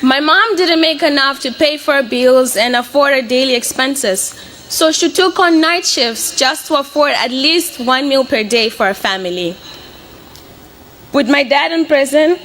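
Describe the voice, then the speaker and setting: Her voice sits high and a bit bright, at a measured pace, with slight background noise. This student speaker, in her twenties, has a Mozambican accent and Portuguese as her first language, and her personal speech is earnest and prepared.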